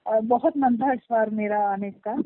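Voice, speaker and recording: Lady calling her guru on the phone, lots of umms and pauses, fairly high voice, phone-line sound. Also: dry recording. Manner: respectful, hesitant, many fillers and pauses. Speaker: caller, meditation student. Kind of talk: phone call with her teacher. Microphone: phone call. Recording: tinny phone line, dry.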